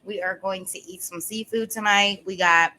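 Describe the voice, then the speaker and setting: A woman hosting a mukbang, chatting casually and relaxed between bites while she eats. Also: medium pitch, normal speed, over music. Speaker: mukbang host.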